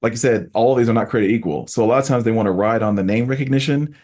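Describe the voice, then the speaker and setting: A man with a mid-range voice hosts a casual podcast chat at a rapid-fire clip. He talks animatedly and acts out quotes to drive his points home.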